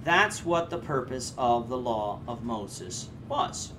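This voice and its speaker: A man in his thirties leads a Bible class with an earnest, explaining manner. His pitch swings widely as he talks, and he often stops and restarts. Faint ambient hum sits behind him. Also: slow. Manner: earnest, with lively rises in pitch and frequent hesitations. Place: indoors before a red curtain. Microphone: camera framed chest-up.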